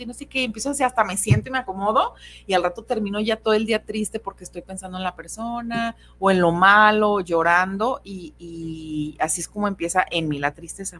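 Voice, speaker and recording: A woman's voice: medium pitch, slight background noise. A young adult woman with a Mexican accent, chatting expressively and openly about her feelings on a radio show. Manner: chatty, expressive, laughs easily. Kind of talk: casual radio chat.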